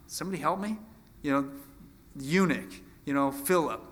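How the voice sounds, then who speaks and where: In his twenties, this man preaches an informal Bible lesson, chatty and self-deprecating, frequently starting his phrases over. His voice is slightly high and a bit bright, moving at a moderate pace.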